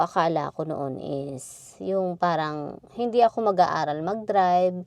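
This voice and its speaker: A woman's voice: medium pitch, darkish tone, no echo. A woman from the Philippines telling a personal story on her vlog in a candid, chatty way. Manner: chatty and candid, recounting with frequent quoted dialogue. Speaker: vlogger.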